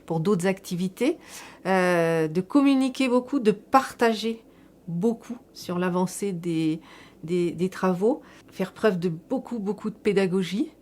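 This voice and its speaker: A woman with a mid-range, slightly mellow voice speaks as a local elected official, explaining a public project. Her measured, semi-prepared interview delivery repeats words for emphasis.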